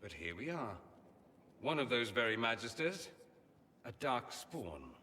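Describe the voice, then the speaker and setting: Vain witty mage, bright tone, lively pitch, light reverb, faint ambience. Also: male voice, a little slow, slight background noise. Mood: brooding. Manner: witty, self-assured, theatrical. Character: witty, vain male mage from a foreign empire. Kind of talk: video game dialogue.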